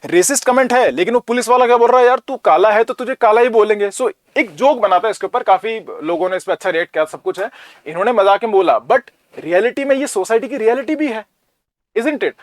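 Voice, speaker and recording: A man's voice: high voice, animated, brisk, no room sound. A man from North India lecturing as a teacher, talking in a conversational way and often asking rhetorical questions. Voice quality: Hindi mixed with English, conversational.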